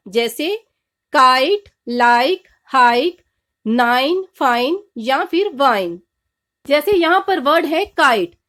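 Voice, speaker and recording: A woman teaching English letter pronunciation, slowly and deliberately spelling out letters and listing example words. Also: high-pitched, fairly bright tone. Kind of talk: slow instructional explanation.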